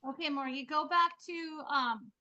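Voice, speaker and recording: A woman's voice: high voice, normal speed, bright, forceful tone, highs cut off. A woman hosting a webinar in a casual, chatty way, effusive and informal with the people she addresses. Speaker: webinar host.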